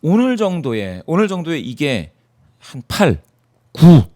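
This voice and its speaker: A man's voice: on the high side, sing-song, measured pace, dark tone. A man in a studio interview, explaining poll data emphatically and asking himself rhetorical questions. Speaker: poll analyst guest.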